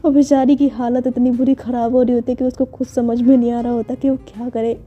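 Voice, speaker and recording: A woman narrating a romantic story in a chatty, casual way, full of fillers and quick self-corrections. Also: fairly high pitch, level tone, slight background noise. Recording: dull lo-fi recording with faint music. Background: faint background music.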